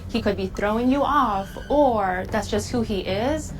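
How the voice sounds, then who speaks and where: A woman's voice: a little high, measured pace. A woman in her thirties, a panel guest giving her views earnestly and thoughtfully. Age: 30s. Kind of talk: discussion. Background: background music.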